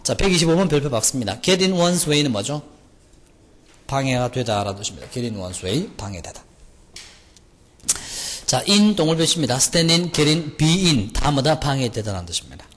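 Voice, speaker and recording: With a medium-pitched voice that swings widely in pitch, this Gyeongsang-accented man from Korea's Gyeongsang region teaches English vocabulary at a normal speed. His lecture is playful and packed with rhetorical questions for students, recorded with hall reverb and faint noise.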